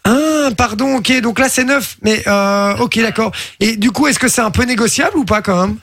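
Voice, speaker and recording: A radio host with a Brussels Belgian French accent making a playful prank phone call, chatty and apologetic. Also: male voice, very high voice, normal speed, a bit bright, dry recording, clean studio sound. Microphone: studio microphone.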